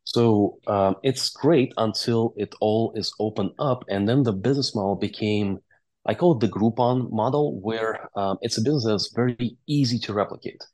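The founder and CEO of a game company, a native speaker of Russian or Latvian, tells stories conversationally as an interview guest. His low voice moves at normal speed and sounds a little mellow.

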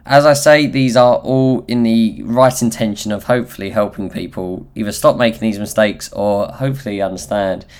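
Low-pitched nasal Essex man. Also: moderate pace, hardly any pauses, a little mellow, smooth. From Essex, England. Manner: candid, self-deprecating, sweary. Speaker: podcast host. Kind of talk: solo motivational podcast talk, informal.

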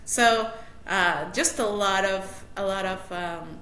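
Slow and sharp-toned, with a mid-range voice, a woman from Mexico City speaks in a Mexican Spanish accent. She's a matchmaker appearing as a guest in a casual interview, often laughing and restarting sentences. The recording has an echoey room and faint noise.

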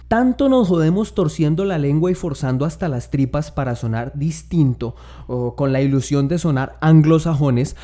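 Tolima colombian guy ranting, emphatic and sarcastic, warm voice, bit high. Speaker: comedic English-teaching commentator. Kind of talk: comedic rant monologue.

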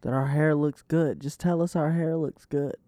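A man's voice: on the high side, fairly even intonation, moderate pace, mellow, no room sound, studio quality. A man hosting a podcast in a casual, rambling chat, laughing often and swearing freely. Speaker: podcast host.

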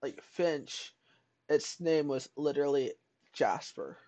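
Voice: medium pitch, slow pace, dark tone. A podcast co-host chatting casually and playfully, with joking asides, on an online voice call.

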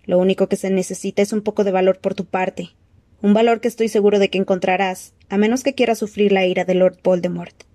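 A cold, frail dark lord who hisses his threats slowly and softly, as a woman puts him on. His tone sits dark and mellow, recorded close and dry with no room around it, in a storybook reading. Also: mid-range voice, fairly even intonation, no room sound, close to an everyday voice. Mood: menacing. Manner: slow hissing soft threats. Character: cold menacing weak dark-lord man.

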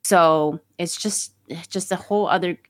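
A woman's voice: fairly low pitch, steady tone, normal speed, a bit bright, no room sound, clean studio sound. A woman co-hosting a podcast, rambling in casual chat and swearing freely. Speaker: podcast co-host.

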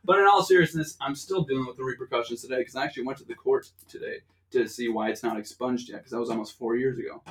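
A man's voice: medium pitch, fast talker, hardly any pauses, a bit bright. A young man telling a rambling, profane story in casual chat on a podcast, laughing often. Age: young adult. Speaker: podcast host.

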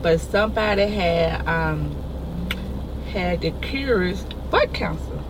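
Interviewed as a passenger in a moving car, this middle-aged woman from Florida chats casually in a folksy Southern Florida drawl, looping back over her own phrases as she rambles. Her voice sits on the low side, with lively intonation and an unhurried pace. The audio is noisy with road sounds.

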